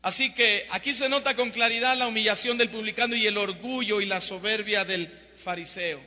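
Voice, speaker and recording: Male preacher, high bright voice, emphatic sermon in a big echoing hall. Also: fairly quick. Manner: emphatic, swings from loud to hushed. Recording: long hall reverb.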